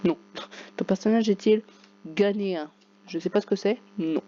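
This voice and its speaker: A woman commenting casually on a game, reading its questions aloud and joking, with sudden loud outbursts. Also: mid-range voice, normal speed. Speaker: gaming YouTuber. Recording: dull lo-fi recording with faint hum.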